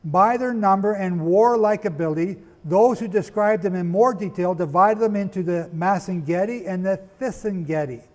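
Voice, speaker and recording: A man giving a sermon-style history lecture, firing rhetorical questions at his listeners, spelling out names and rushing to get through it. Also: high voice, big-room sound. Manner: asks the audience rhetorical questions; rushes, apologizes for talking fast. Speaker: preacher.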